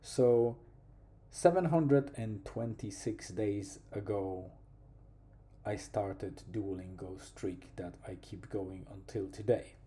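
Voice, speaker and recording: This vlogger is a native Polish speaker with a Polish accent, and his voice sits on the low side with a dark tone. He reflects slowly and thoughtfully in his personal vlog, pausing now and then to find his words.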